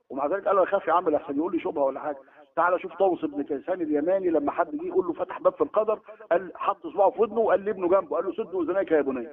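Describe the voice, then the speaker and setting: A man with an Egyptian accent preaching a lesson, talking emphatically, acting out the stories he tells and slowing down for quotations. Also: high-pitched. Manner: animated, emphatic storytelling that slows for quotations. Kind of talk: sermon lesson in colloquial Egyptian Arabic. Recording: tinny phone-like lo-fi recording.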